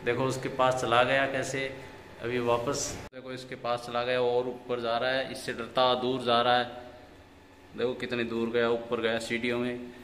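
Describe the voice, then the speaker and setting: Guy at home baby-talking his parrots, bright clear voice, sing-song and coaxing, bit of hiss, echoey. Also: completely flat delivery, moderate pace. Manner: coaxing sing-song baby talk to the birds, rising pitch. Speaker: pet owner filming his parrots. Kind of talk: casual home vlog, talking to pet parrots. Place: inside a home.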